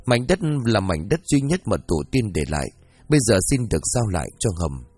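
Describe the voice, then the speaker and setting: A man narrating a story as an audiobook, reading in a lively, expressive way. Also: lowish voice, brisk, slightly rough, dry recording.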